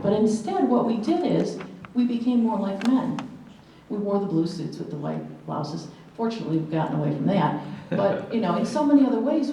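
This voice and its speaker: A woman's voice: mid-range voice, dark tone, recorded from a distance. A woman in her sixties giving an earnest conference talk full of personal anecdotes. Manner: earnest, anecdotal, with acted quotations. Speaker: conference speaker. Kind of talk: lecture to a live audience. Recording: echoey hall, mic from afar.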